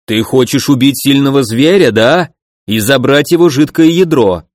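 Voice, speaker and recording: A male narrator doing a gruff young warrior, level and matter-of-fact, close to his own voice. The storybook recording is dry. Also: mid-range voice, normal speed, darkish tone, no room sound, lightly acted.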